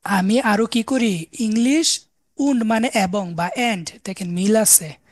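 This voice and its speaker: A woman's voice: mid-range voice, slow, no echo. Patient woman teaching, dry sound. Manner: explains patiently, spells words letter by letter. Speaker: language teacher. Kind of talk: recorded online lecture.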